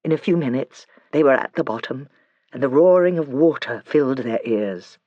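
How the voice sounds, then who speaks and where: A man narrating a children's fantasy audiobook in a measured storytelling manner. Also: mid-range voice, lively intonation, dry recording, highs cut off. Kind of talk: scripted narration.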